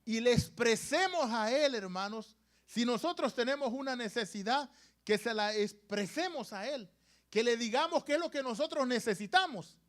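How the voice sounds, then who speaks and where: In a church sanctuary, a man with a very high-pitched, fairly bright voice preaches a sermon to his congregation at a normal speed in a Latin American Spanish accent. He is animated, with sudden rises and drops in emphasis and frequent asides calling the congregation "hermanos".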